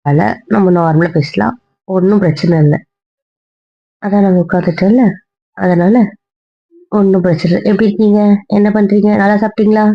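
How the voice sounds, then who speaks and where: A woman's voice: mid-range voice, steady tone, normal speed, long pauses, dull audio. A woman playing a wife in a comedy audio drama, bossy and teasing as she scolds. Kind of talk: casual role-play banter.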